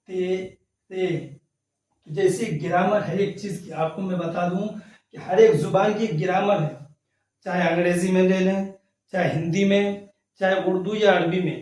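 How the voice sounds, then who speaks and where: Teacher sounding out letters in an echoey room. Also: male voice, high-pitched, a little mellow. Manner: patient, repeats and sounds out each letter slowly. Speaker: Urdu teacher. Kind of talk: explaining letters of the alphabet. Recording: echoey room, voice far from the mic.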